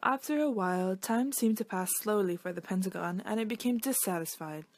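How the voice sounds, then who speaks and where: A woman reading a children's picture book aloud in an expressive storytelling style. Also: mid-range voice, brisk, no echo.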